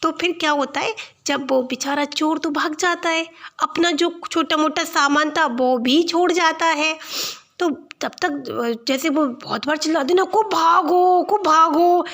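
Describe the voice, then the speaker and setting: High voiced woman telling a funny story, chatty, talks right to you. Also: a little slow, a bit bright. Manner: chatty, addresses listeners directly. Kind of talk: casual comic storytelling.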